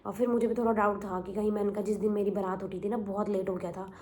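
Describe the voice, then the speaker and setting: Young woman vlogger, mellow low-brightness voice, chatty storyteller who rambles and repeats. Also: flat delivery, fast. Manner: rambling, repeats herself, mixes in English words. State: recovering from illness. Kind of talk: casual storytelling vlog.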